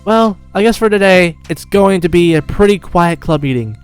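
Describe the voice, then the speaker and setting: A chirpy, bossy teen girl club president from a visual novel game, as a man puts her on in a raised girlish voice. She sounds smooth and bright. A faint bed of music plays behind her. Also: sits high, expressive, moderate pace, voice pushed up.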